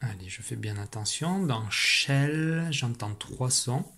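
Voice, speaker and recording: A male teacher leads a spelling dictation at an unhurried, deliberate pace. He speaks patiently and repeats each syllable. His voice sits at a middle pitch. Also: animated, gravelly, sharp tone. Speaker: primary school teacher.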